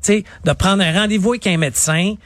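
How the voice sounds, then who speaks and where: A middle-aged man with a Quebec French accent talks in a lively, explanatory way, acting out his clients in quick quotes. His voice sits fairly high and sounds close and dry, with no room around it. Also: dry recording. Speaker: IT consultant guest. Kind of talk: radio talk interview.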